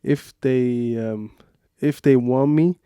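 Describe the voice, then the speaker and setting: A young man from Switzerland tells a story in a casual podcast interview. His voice is mellow and dark, and he acts out what others said. The sound is close and dry. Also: medium pitch, slow pace, clean tone, dry recording. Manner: animated storytelling with acted-out quotes. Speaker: guest, professional basketball player.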